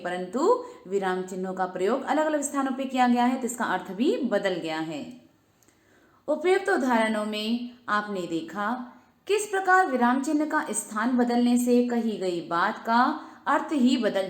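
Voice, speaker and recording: Echoey-voiced woman teaching a lesson. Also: medium pitch. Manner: slow, emphatic reading of examples with rhetorical questions. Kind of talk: grammar lesson reading and explaining.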